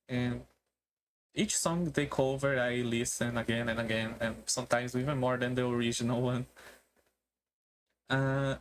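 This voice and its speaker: A streamer talking casually in a halting way, with non-native English phrasing, on a solo stream. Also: medium pitch, a little hiss or hum. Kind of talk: casual solo debut stream talk about favourite books and music.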